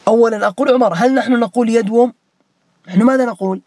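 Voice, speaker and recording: High-voiced teacher quizzing his students. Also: rapid-fire, a little mellow, dry recording. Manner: questioning, drills students by name, repeats key words. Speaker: Arabic morphology teacher. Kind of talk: interactive grammar lesson.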